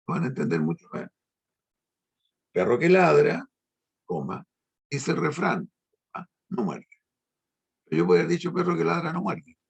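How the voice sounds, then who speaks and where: Brief: middle-aged male teacher, husky and gravelly, slow emphatic lesson delivery. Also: medium pitch. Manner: slow, emphatic, drawn-out explanations with tag questions. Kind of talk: online language lesson.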